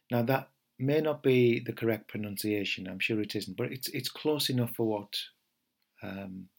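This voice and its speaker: Soft-spoken man with a husky voice. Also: mid-range voice. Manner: gentle, unhurried, pausing with fillers and restarts. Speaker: meditation teacher. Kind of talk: podcast talk before a guided meditation.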